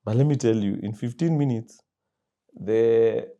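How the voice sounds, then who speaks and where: A Kenyan man, a company founder, telling his life story in an interview with lively quoted dialogue and loud laughs. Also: medium pitch, unhurried. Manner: animated storyteller who acts out quoted dialogue and laughs loudly.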